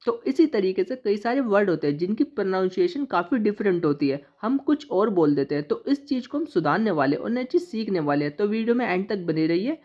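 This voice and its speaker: A woman teaching an English pronunciation lesson who spells out letters and then says each word slowly and deliberately. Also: mid-range voice, expressive. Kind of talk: classroom-style lesson explaining pronunciation. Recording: slightly dull, lo-fi recording.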